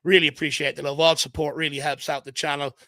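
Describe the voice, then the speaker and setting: High-voiced, fast-talking man hosting. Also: level tone, sharp tone, dry recording, studio quality. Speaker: host. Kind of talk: casual football live-stream talk.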